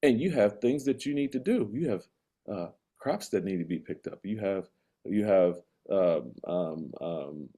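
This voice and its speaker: Male, soft-edged mellow voice, conversational comic rant, emphatic repeats, mounting exasperation. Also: low voice, lively intonation, unhurried.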